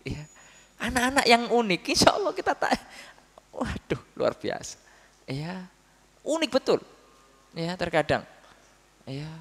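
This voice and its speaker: Male preacher, slightly high voice, animated storyteller who addresses listeners directly; long reverb of a big hall. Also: a little slow, pauses often, breathy edge. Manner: lively storytelling with acted quotes and laughs; addresses the audience as Pak. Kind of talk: religious study talk.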